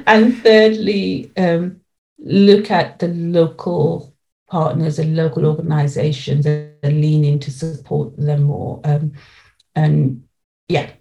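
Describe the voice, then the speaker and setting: Speaking slowly in a low, flat voice with vocal fry and a warm tone, a woman who leads on education policy answers interview questions. She is earnest and emphatic, returning to key phrases to make her case. The recording's highs are cut off.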